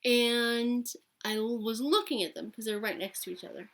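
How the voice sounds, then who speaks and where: A woman in her late thirties chatting casually and candidly to camera, rambling and emphatic, with a raspy voice like a longtime smoker's. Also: on the high side, moderate pace, a bit bright. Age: late thirties, almost forty. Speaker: vlogger talking to camera.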